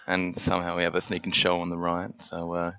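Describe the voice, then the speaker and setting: Low, gravelly man analyzing play. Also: monotone, fairly quick, bright, forceful tone, highs cut off, a little hiss or hum. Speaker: co-commentator. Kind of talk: casual card game commentary.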